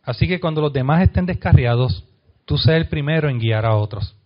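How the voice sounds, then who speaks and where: Man preaching a lively sermon. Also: fairly quick, muffled recording. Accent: Puerto Rican Spanish. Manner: preaches with call-and-response questions to the congregation; reads scripture aloud, dropping soft and low on key lines. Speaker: pastor.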